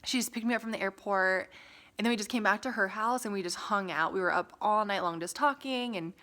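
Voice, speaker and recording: A young woman from Las Vegas chatting casually to her camera, full of "like" and "um" and quick laughs. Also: medium pitch, sharp tone. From Las Vegas, USA. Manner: chatty, lots of "like" and "um", laughs often. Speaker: vlogger. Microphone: phone camera.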